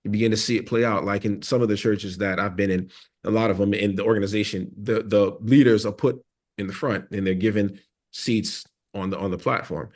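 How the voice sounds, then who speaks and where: Male guest, lower register, thoughtful and sincere, conversational interview delivery. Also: steady tone, fairly quick. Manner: earnest, reflective storytelling. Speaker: podcast guest.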